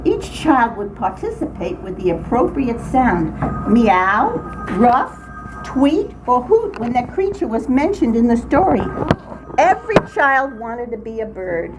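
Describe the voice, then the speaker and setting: Sing-song and fairly high-pitched, at a measured pace, an older writer performs her comic personal account for her writing group with theatrical flair. The indoor meeting room is noisy, and ambient sound fills the recording.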